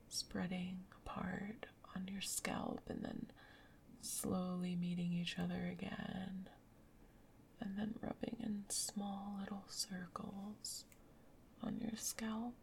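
A woman whispering softly in a gentle, soothing ASMR roleplay as a caring girlfriend. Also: mid-range voice, vocal fry. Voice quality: soft whispery. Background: rain sounds.

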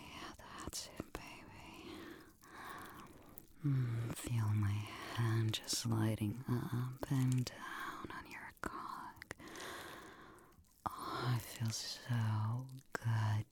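A woman whispering an ASMR roleplay close to the mic, with a breathy, teasing and dominant way of speaking. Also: rumbling low, level tone. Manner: slow, teasing, dominant murmuring close to the ear.

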